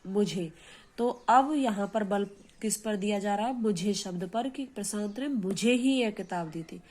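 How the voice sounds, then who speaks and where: Woman, school teacher, grammar lesson, slow unhurried delivery, medium pitch. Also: darkish tone. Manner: slow, patient explaining with frequent check-in questions.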